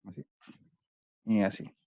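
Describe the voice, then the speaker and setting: A man's voice: takes it slowly, darkish tone, no room sound. A man teaching an online math class, patiently explaining each step to his students over a video call.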